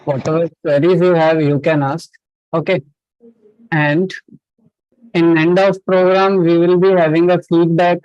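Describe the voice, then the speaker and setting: Male webinar trainer, higher-set voice, dry, slightly dull call audio, checks in often. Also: level tone, a little slow, long pauses, smooth, no room sound. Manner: repeats short confirmations and checks in with listeners. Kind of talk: interactive webinar presenting. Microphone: online video call.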